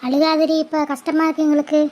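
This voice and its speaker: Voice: sits high, level tone, brisk, darkish tone, voice pushed down, close to an everyday voice. A performer voicing an aunt who tenderly comforts her niece while tearful herself. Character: older aunt, tender and weepy.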